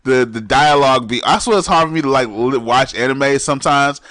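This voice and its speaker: A man's voice: mid-range voice, brisk, fairly bright tone, no room sound, clean studio sound. A man co-hosting a casual podcast, talking in slangy banter and laughing often. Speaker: podcast co-host. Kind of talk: casual chat.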